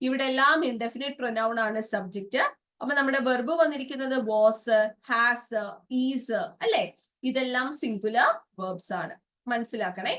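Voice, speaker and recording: High-voiced Malayali woman teaching grammar. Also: normal speed, pushed and bright, distant mic. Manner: explains step by step, asks checking questions. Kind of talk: exam-prep grammar lesson.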